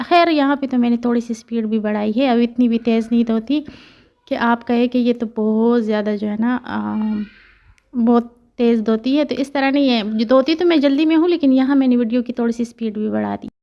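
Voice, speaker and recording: Chatty high-voiced vlogging mother. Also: brisk, lo-fi sound. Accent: Pakistani Urdu. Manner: chatty, rambling, many fillers. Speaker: family vlogger. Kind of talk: casual narration over household chores.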